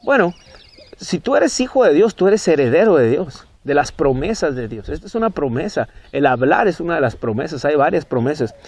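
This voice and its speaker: A man's voice: on the high side, very animated, brisk, darkish tone, slightly rough. A man teaching from the Bible, emphatic and repetitive, his voice jumping up on key words. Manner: emphatic, rising on key words, repeating phrases. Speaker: preacher.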